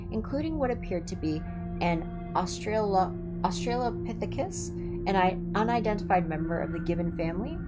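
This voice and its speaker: In a low-quality recording, a woman with a medium-pitched voice hosts a livestream, reading clinical horror reports aloud. She adds informal asides and occasionally stumbles over difficult words, with music behind her.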